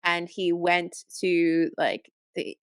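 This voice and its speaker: A woman co-hosting a podcast in casual chat, ranting in an animated, exasperated way with many restarts, close to her microphone. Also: fairly low pitch, takes it slowly, smooth, dry recording. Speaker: podcast co-host. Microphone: close podcast mic.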